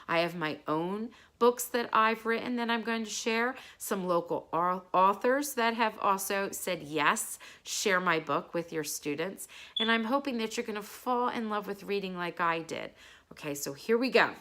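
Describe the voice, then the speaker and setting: With a bright, forceful, medium-pitched voice, a woman hosts a children's bedtime story segment. She reads aloud and speaks to young listeners in a simple, friendly way.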